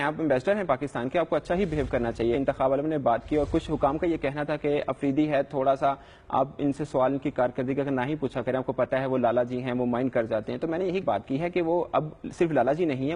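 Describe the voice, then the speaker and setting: A man's voice: medium pitch, a little mellow, slightly rough, big-room sound. A young adult man, a sports reporter, answering questions in a live news interview in an earnest, defensive way with frequent hesitations.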